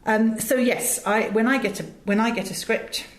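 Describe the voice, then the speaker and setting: Her voice is on the high side and her speed normal. She is a middle-aged British-accented woman from England, an audiobook director and producer interviewed as a guest, answering conversationally with emphatic tales and frequent asides, recorded in an echoey room with faint background noise.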